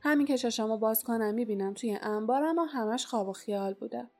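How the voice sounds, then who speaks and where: A woman's voice: on the high side, faint music behind. Woman voicing an eager young boy wizard. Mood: wondering. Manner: excited, questioning.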